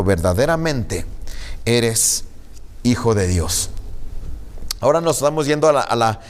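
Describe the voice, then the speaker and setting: A male pastor giving a sermon, reading scripture and retelling it with jokes and chatty asides. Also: mid-range voice. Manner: animated, jokey storytelling.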